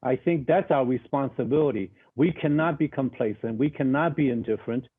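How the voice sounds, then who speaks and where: Heard over a tinny remote line that sounds like a phone, this interview guest has a medium-pitched, slightly rough voice and talks fairly quickly. His answers are emphatic and blunt, with frequent word repetitions at the beginning of sentences.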